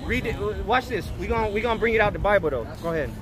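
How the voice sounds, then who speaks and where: A man's voice: sits high, animated, quick pace. A man from Puerto Rico preaching outdoors to passersby, insistent and repeating his points as he cites scripture. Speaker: street preacher. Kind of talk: street preaching. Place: outdoors on a busy street. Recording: loud outdoor traffic noise. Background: passing traffic.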